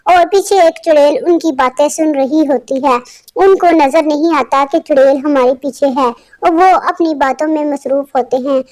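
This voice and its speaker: High-pitched cartoon storyteller. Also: darkish tone. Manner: plain retelling with restarts.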